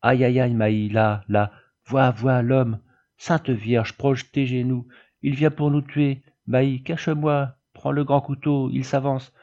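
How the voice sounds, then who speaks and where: A man's voice: mid-range voice, steady tone, slow pace, warm tone, highs cut off, voice pushed up. A man reading the part of a terrified little peasant girl crying out in fright. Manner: frightened, breathless cries.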